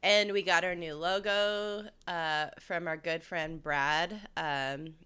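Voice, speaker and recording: A woman's voice: lowish voice, steady tone, takes it slowly, bright, forceful tone, smooth. A woman podcast co-host chatting casually, her voice stuffy from a cold. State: sick with a cold.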